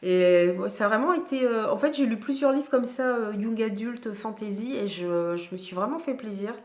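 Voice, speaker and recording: A woman's voice: fairly high pitch, moderate pace. Chatty woman reviewing books, echoey room. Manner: chatty, hesitant with many fillers and restarts. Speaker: book vlogger. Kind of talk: casual book review chat.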